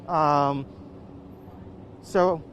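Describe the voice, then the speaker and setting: A man reporting live from the street, conversationally and haltingly answering viewer questions, slightly muffled by a face mask and breathing heavily. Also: fairly high pitch, steady tone, a bit bright. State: breathing heavily in warm, humid air. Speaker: field news reporter. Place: outdoors on a city street during a march. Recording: outdoor street noise with traffic.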